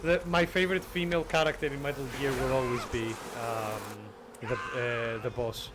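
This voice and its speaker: A man livestreaming a video game with casual, jokey, halting commentary to his chat. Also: medium pitch, steady tone, background noise. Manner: jokey, chatty, halting fillers.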